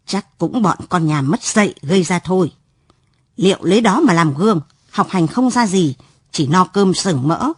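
A woman's voice: on the low side, lively intonation, moderate pace, breathy edge, no echo, clean studio sound. Woman voicing a harsh old father. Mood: threatening. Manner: threatening, scolding.

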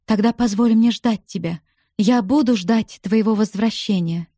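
A woman's voice: medium pitch, unhurried, mellow, dry recording, studio quality. A woman reading the part of an earnest, pleading young woman in love for an audiobook.

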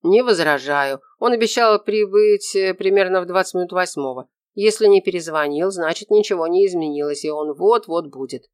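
A reader voicing Maurice, a calm, mocking man who insists on cooking alone. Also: high voice, moderate pace, few pauses, smooth, no echo, studio quality, close to an everyday voice. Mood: wry. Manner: unflappable, mocking.

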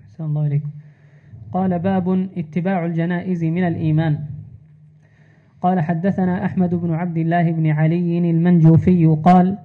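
A man with a high voice reads classical religious text in a measured, formal way, holding his pitch flat and even. The sound is tinny and phone-like. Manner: measured formal reading, repeats narration formula. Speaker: student reader. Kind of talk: reading classical hadith text aloud.

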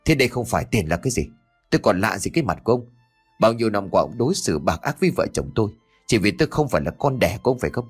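A man's voice: sits low, lively intonation, fairly quick, faint music behind. A man voicing a greedy, brutal grown son who talks with a harsh snarl. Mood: snarling rage.

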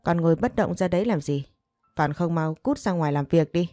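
A woman's voice: on the low side, fairly quick, dark tone, dry recording, soft background music, lightly acted. A woman reading a harsh domineering young husband. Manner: harsh, scolding commands.

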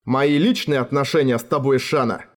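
A man's voice: medium pitch, normal speed, lightly acted. A man voicing a sardonic official who speaks with cool, mocking sarcasm. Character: sardonic, unflappable male official, a consul.

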